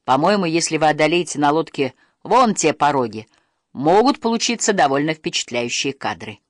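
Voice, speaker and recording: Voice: medium pitch, animated, moderate pace, dry recording, clean studio sound, close to an everyday voice. A reader doing a pushy, eager film director. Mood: persuasive. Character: excitable adult male film director.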